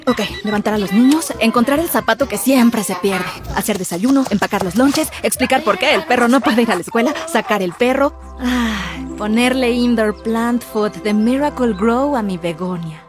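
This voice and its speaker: Harried mom in a radio ad. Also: female voice, fairly high pitch, music in the background. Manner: hurried, harried listing. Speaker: mother in a commercial. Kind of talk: scripted radio ad monologue.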